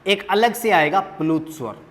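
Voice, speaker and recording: A man's voice: sits high, animated, moderate pace. A man teaching a grammar lesson at a whiteboard, asking questions and answering them himself, repeating the key terms.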